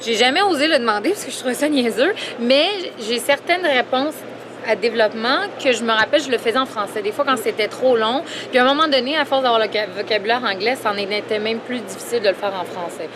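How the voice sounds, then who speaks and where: A woman's voice: fairly high pitch, fast talker. A woman with a Québécois accent giving a candid, chatty street interview answer. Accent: Québécois French. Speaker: passer-by interviewee. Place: outdoors on a city street. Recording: noisy outdoor street recording. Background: traffic noise.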